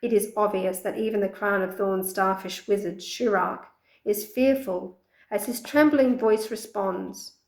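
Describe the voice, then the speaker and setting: A woman narrating a children's fantasy audiobook in a steady, expressive reading voice. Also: mid-range voice, unhurried, vocal fry, reverberant, rough recording. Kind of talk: scripted storybook narration.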